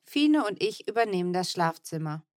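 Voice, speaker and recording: Woman reading as a calm, practical mother. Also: fairly low pitch, moderate pace, dry recording, studio quality.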